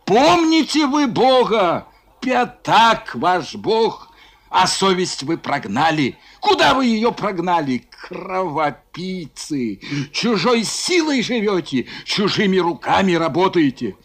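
A man voicing a drunken young merchant who jeers at the other merchants and shouts his accusations. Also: medium pitch, expressive, unhurried, hardly any pauses, voice pushed down. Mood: denouncing. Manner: shouting, jeering with laughter.

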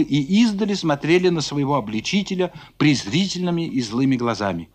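A man reading a novel aloud in a dramatic, expressive way. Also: a little high. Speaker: audiobook reader. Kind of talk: scripted narration of a novel.

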